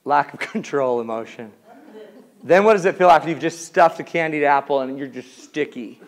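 A man's voice: on the high side, normal speed. A man in his forties giving a comedic lecture to a class, jokey and theatrical, often asking the audience questions. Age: 40s. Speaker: relationship class teacher.

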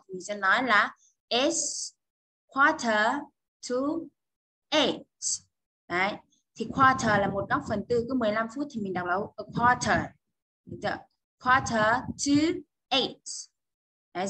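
A woman teaching an English speaking lesson and explaining in Vietnamese, slowing down for the English example phrases and often checking that students follow. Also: a little high, pushed and bright, breathy edge, poor audio. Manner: explains step by step, often checks with "được chưa?".

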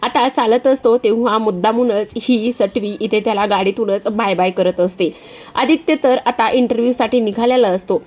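A woman's voice: on the high side, fairly even intonation, moderate pace, darkish tone. A woman retelling a TV serial episode in a chatty, repetitive present-tense narration. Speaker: storyteller.

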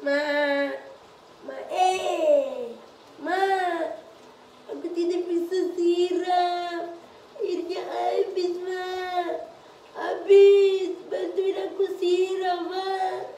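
A woman's voice: very high voice, level tone, extremely slow, warm tone, recorded from a distance, slight background noise, voice pushed up, full character voice. A woman voicing a whiny, childish young daughter who whimpers and pleads for her mother, in a comic skit. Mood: pleading. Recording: echoey room.

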